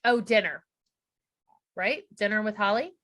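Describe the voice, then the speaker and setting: A middle-aged woman co-hosting a podcast, chatting casually and acting out quotes with quick reactions. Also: medium pitch, animated, fairly bright tone. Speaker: podcast co-host. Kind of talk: casual chat recapping a reality show.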